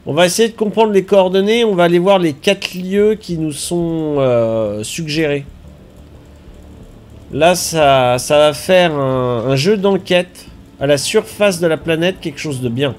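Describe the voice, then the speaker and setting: A man talks slowly through a live game stream, his nose a little blocked. His voice sits fairly high, and he chats in a relaxed way, repeating words as he thinks. Faint noise lies under the desk mic. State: slightly congested, stuffy nose. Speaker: streamer playing a survival game. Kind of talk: casual live-stream commentary.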